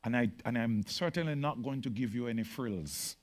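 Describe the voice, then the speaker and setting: A man preaching a sermon to his congregation. He jumps between loud, emphatic bursts and quiet asides, often restarts his phrases with repeated words, and asks the room questions. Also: medium pitch, moderate pace. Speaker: pastor. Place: church meeting room with congregation.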